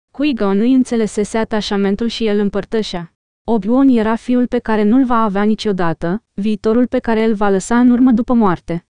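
A woman narrating an audiobook in a steady, even storytelling manner. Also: medium pitch, smooth, no echo.

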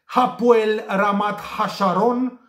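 A man from Romania giving his daily betting tips in a lively, playful way, fumbling over foreign team names. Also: high-pitched, roomy sound. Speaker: betting tipster.

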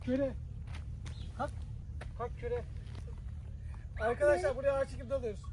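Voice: high-pitched, fairly even intonation, normal speed, background noise. Mocking vlog host bossing a friend outdoors. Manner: mocking, bossy, giggling. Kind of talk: teasing challenge commentary to camera.

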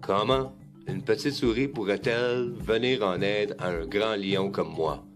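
Man playing a proud male lion king, lower gruff voice, commanding, storybook, music behind. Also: unhurried, lightly acted. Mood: stern.

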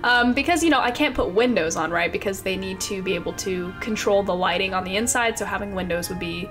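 Over music, a young woman who creates Sims speed builds narrates her game build in a mid-range voice, a little fast. She sounds stuffy and congested from a cold and rambles casually, with many fillers and little laughs.

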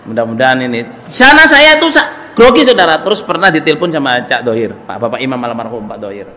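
A man with a Javanese accent giving a lively storytelling sermon, joking with the congregation. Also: medium pitch, quick pace, a little hiss or hum. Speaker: preacher. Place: mosque. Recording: echoey hall reverb.

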